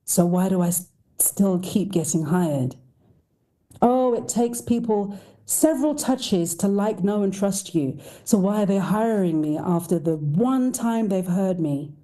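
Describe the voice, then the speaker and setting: A woman's voice: medium pitch, expressive, measured pace, mellow. A woman voice coach, a podcast guest, speaking emphatically with rhetorical questions. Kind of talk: podcast interview.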